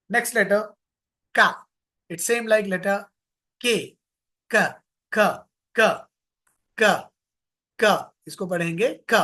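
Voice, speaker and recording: A man's voice: sits high, fairly bright tone. A man teaching an online tajweed lesson, repeating letter sounds over and over for his students to copy. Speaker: Quran recitation teacher.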